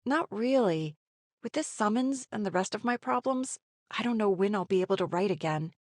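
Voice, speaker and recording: A woman's voice: mid-range voice, animated, normal speed, dry recording, studio quality, close to an everyday voice. A woman playing a wry, affectionate novelist heroine in a story game, with a playful conversational manner. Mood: resigned. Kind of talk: scripted game story dialogue.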